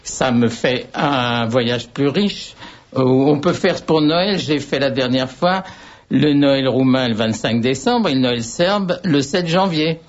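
A man's voice: mid-range voice, expressive, takes it slowly. An older man, a radio guest, telling rambling anecdotes with wry asides. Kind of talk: radio conversation. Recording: dull radio sound.

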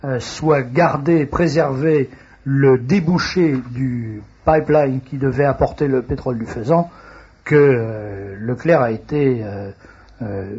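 Husky-voiced man hosting a radio talk show. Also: mid-range voice, darkish tone. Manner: halting, frequent hesitations. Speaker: radio host. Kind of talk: radio talk and read announcements. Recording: dull lo-fi radio recording.

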